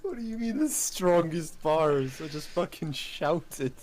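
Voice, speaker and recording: A friend on a voice call during a game stream, joking loudly and excitably, often shouting. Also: mid-range voice, measured pace, crowd noise. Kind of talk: casual gaming banter.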